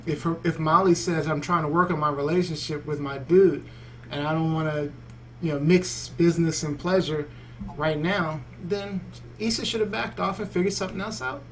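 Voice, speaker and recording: A man's voice: fairly high pitch, fairly even intonation, moderate pace, a little hiss or hum. A man co-hosting a casual panel podcast, talking in a chatty, hesitant way full of "you know". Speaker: podcast co-host.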